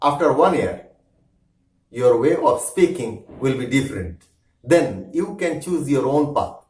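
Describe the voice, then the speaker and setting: A man teaching spoken English, drawing out each English phrase in slow, clearly separated words before rattling off a quick restatement. His voice swoops up and down with animated pitch. He sounds set back from the mic in an echoey room. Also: distant mic. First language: Bengali. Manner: slow, deliberate English, then fast Bengali restatements. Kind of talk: bilingual spoken English lesson.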